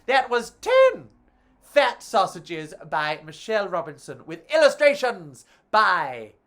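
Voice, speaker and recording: A woman, judging by pitch, reads to children slowly in an animated storytime style, sounding theatrical and expressive.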